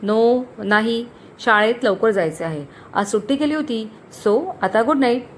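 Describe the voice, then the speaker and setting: A woman's voice: on the high side, a little slow, a little hiss or hum, natural voice. A woman voicing a shy young bride-to-be who scolds her fiancé half in jest. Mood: bashful. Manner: mock-scolding, bashful.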